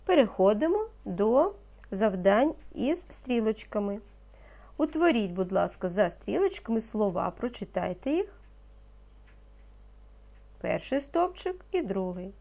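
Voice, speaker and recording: A woman teaching a reading lesson to young children, speaking slowly and patiently and pronouncing each word with care. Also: mid-range voice, very animated, gravelly, warm tone. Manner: slow, patient, encouraging, pronounces words carefully. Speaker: primary school teacher.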